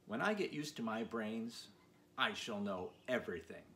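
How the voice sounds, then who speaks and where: Storybook scarecrow, played by a male reader: proud, solemn, deliberate, self-satisfied, clear background noise. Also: fairly low pitch, animated, bright, forceful tone.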